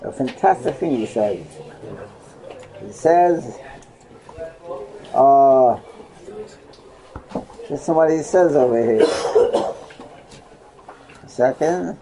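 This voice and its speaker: A man's voice: medium pitch, animated, drawn-out words, long pauses, crowd noise, low-quality recording. A man teaching a Torah study lesson, asking and answering his own questions and repeating himself. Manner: repeats phrases, checking with "right?". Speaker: religious teacher.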